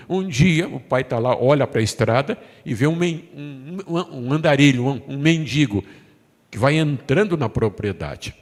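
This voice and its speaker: A man with a Brazilian Portuguese accent, a pastor preaching a sermon. He tells the story in a lively way, voices the characters and puts questions to the congregation. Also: medium pitch. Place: church sanctuary. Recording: long hall reverb in a church.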